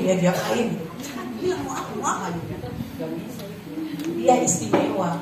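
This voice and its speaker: Woman speaking in an echoey hall. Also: medium pitch. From Batak. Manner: conversational, acts out quoted mother. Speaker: workshop speaker for parents. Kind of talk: informal workshop talk. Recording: echoey room, far from mic, noisy.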